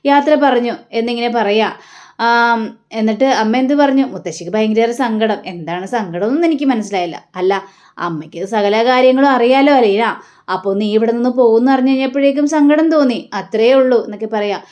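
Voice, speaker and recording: A woman's voice: a little high, fast, darkish tone. A woman recapping a TV serial episode, retelling the characters' dialogue in her own voice. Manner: retells dialogue in quotes without changing voice much. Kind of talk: storytelling recap of a TV serial, voicing the lines.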